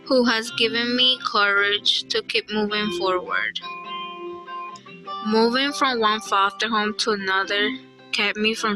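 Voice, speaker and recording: A young woman from El Salvador narrates her life story in a quiet, earnest voice, her tone sitting at an ordinary middle pitch. Clear guitar music plays behind her throughout, as in a played-back video. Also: rough recording. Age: young adult.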